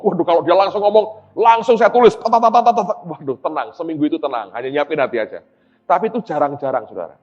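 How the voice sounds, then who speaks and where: A middle-aged man preaching a sermon, telling stories and acting out conversations while addressing the congregation directly. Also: a little high. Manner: animated storytelling, acts out dialogue, addresses audience as "saudara". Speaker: pastor. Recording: dull sound in a reverberant hall.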